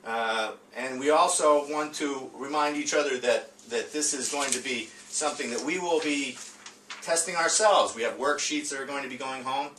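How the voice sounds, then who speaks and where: A male teacher's voice, medium in pitch and a bit bright, carries an off-the-cuff classroom lesson on reading and phonics as he models reading aloud. His speech halts, full of stammered repeats and check-in tags aimed at the listener. A distant mic captures a roomy sound with faint noise.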